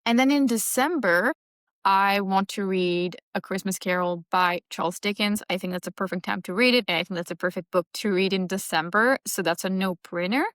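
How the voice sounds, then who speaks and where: Brisk and fairly bright, a young woman's medium-pitched voice comes through in clean studio sound with no room sound. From Mauritius and a native Mauritian Creole speaker, she's a book vlogger casually sorting out her reading plans aloud with a self-deprecating lightness.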